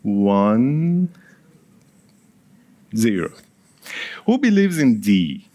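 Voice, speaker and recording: A man whose first language is Persian presents at a conference in a casual, engaging way, asking the audience questions and counting hands between small laughs and asides. His fairly low, dark-toned voice is very animated but delivered very slowly.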